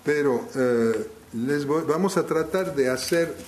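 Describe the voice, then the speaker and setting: A non-native male speaker, not a Spanish native, delivers a live lecture with a somewhat high voice. He pauses and restarts phrases often while thinking aloud, and a little hiss or hum can be heard.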